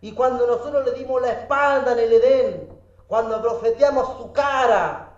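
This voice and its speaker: A man with a strikingly high voice preaches with fervor, dropping low and then rising to shouts. He sounds distant from the mic, with a roomy echo and a dull, muffled tone. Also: normal speed. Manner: fervent, swinging from hushed to shouted. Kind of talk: impassioned sermon.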